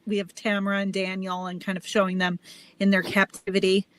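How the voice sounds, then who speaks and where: A woman's voice: medium pitch, monotone, fairly quick, fairly bright tone, no room sound. A woman co-hosting in casual chat, rambling and conversational while getting over a cold. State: has a cold. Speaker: podcast co-host.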